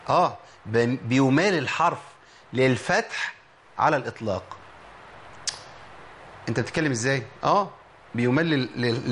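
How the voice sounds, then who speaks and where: A man's voice: medium pitch, fairly bright tone, a little hiss or hum. A man with an Egyptian Arabic accent teaching a Quran recitation lesson, asking questions and answering them himself while demonstrating the sounds. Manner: explains by demonstrating sounds, asks and answers his own questions. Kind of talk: tajweed lesson.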